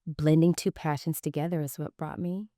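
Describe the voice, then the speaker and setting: A woman answering an interview question slowly and reflectively. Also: sits low, steady tone, dark tone, no room sound, studio quality. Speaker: graduate guest.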